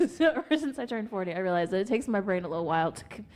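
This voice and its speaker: A woman's voice: medium pitch, very animated, fast, darkish tone. A woman in her forties co-hosting a podcast, chatting casually and laughing often. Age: 40s. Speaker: podcast co-host. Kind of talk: casual chat.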